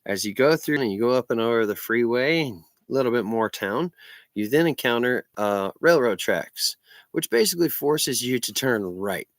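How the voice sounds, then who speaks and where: A man's voice: mid-range voice, animated, moderate pace, dry recording. An American man, stoned, rambles casually on a livestream in a meandering, slangy stoner manner. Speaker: livestream vlogger.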